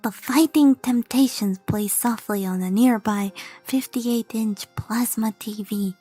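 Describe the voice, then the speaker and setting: A woman's voice: a little high, measured pace, dark tone, slightly rough, no echo, faint music behind. A woman VTuber reading comedic fan fiction aloud, stumbling over lines and correcting herself. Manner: stumbling, self-correcting, laughing reader.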